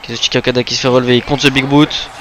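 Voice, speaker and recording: A man's voice: medium pitch, level tone, rapid-fire, fairly bright tone, slight background noise. A man doing play-by-play wrestling commentary, calling out the moves and exclaiming at the big ones. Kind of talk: play-by-play wrestling commentary of a video game match.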